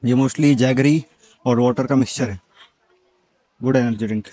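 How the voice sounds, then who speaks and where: A man's voice: medium pitch, steady tone, normal speed, warm tone, no echo. Chatty man vlogging on a walk. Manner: chatty, mixing Hindi with English words. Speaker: travel vlogger. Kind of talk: casual walking travel vlog. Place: outdoors at caves and a hillside temple.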